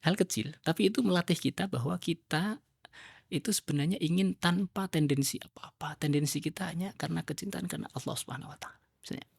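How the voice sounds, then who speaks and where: A male religious teacher with a gravelly, husky voice talks through his ideas as a podcast guest. He explains in an animated way and often raises his voice. The sound is dry and close. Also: a little high, quick pace, no room sound. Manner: animated, acts out quoted dialogue in a raised voice. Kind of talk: podcast conversation.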